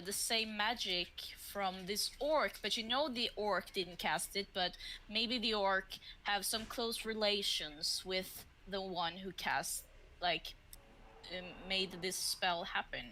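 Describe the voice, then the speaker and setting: A woman's voice: mid-range voice, pushed and bright, slight background noise, rough recording. A woman narrating as game master for a streamed tabletop game, loose and chatty, with many fillers and frequent laughs.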